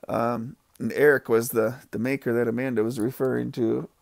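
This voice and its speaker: Gravelly, rambling man chatting casually. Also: mid-range voice, little pitch movement, moderate pace, slight background noise. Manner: rambling, profane and gossipy, with frequent fillers. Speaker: fidget spinner reviewer. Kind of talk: casual rambling vlog chat.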